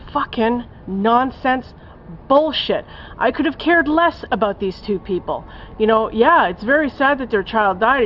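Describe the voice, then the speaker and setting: A woman's voice: on the high side, muffled recording, a little hiss or hum. A woman giving a casual spoken film review, blunt and profane, ranting with lots of fillers. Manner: blunt, profane, scathing rant with many fillers.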